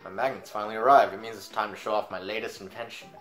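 A man's voice: fairly low pitch, fairly even intonation, quick pace, fairly bright tone, faint music behind, natural voice. A man reading aloud the lines of an eager older male inventor uncle from a video game. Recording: roomy room echo.

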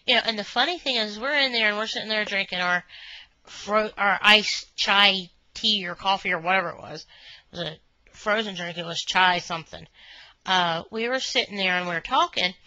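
Lady rambling on her webcam vlog, bright voice, kinda muffled lo-fi sound. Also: medium pitch, normal speed, no room sound. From Northern Kentucky, USA. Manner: chatty, meandering, many fillers like "you know". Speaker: vlogger reviewing a restaurant. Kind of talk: rambling casual monologue.

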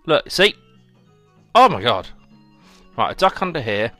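A young man commentates his own video game playthrough in a chatty, sarcastic way, speaking straight to his viewers. His pitch swings all over the place, and his voice is bright and forceful. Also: sing-song, unhurried, no echo. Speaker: host playing a video game. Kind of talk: let's play commentary. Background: faint game music.

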